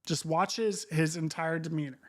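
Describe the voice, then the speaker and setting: Male livestreamer, casual and profane, higher-set voice with flat inflection, half talking to himself. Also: moderate pace. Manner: informal, muttering, profane. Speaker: streamer.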